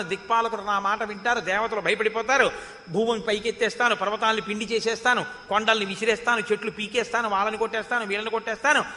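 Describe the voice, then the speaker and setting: A proud demon king brags about his riches and power one boast after another, as a male preacher voices him in his own telling. The voice sits high and sounds sharply bright. A long hall reverb trails every line. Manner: bragging list of conquests.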